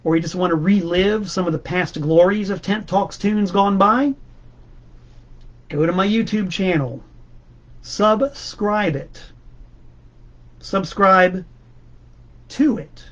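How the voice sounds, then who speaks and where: A man's voice: high voice, moderate pace, lo-fi sound. A man hosting a casual monologue about records, enthusiastic and rambling, with emphatic repeats. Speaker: host.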